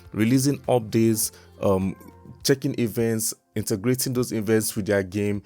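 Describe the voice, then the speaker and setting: A man's voice: lowish voice, a little mellow. A man presenting a promotional crypto review vlog in the manner of a crypto bro, making repeated, emphatic selling points. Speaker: crypto YouTube host. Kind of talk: scripted-style vlog narration, promotional review.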